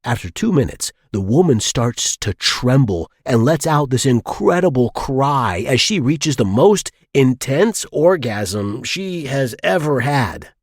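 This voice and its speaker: A man's voice: medium pitch, lively intonation, takes it slowly, few pauses, no room sound, studio quality. A man telling scripted dirty jokes in a leering, smutty, theatrical manner, acting out the dialogue. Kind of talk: scripted joke-telling countdown.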